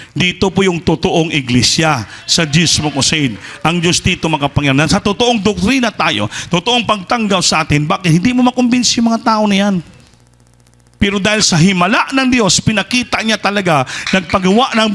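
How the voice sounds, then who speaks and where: A male preacher delivers a testimony sermon. His voice sits high and bright, with a forceful edge. He is animated, and he acts out the people in his story as he tells it. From Philippines. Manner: lively storytelling, switches between Tagalog and Visayan, acts out quoted people.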